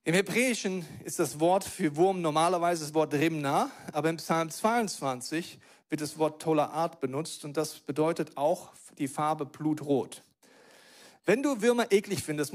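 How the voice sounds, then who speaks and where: A male pastor delivering a sermon with a high voice. He preaches in an animated, emphatic way and leans hard into his points.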